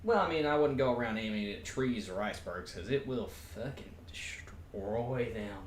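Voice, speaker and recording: A man's voice: mid-range voice, lively intonation, normal speed, close to an everyday voice. A man voicing a casual woman mechanic with a valley-girl manner drifting into a country twang. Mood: breezy, proud. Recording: roomy echo, faint background noise.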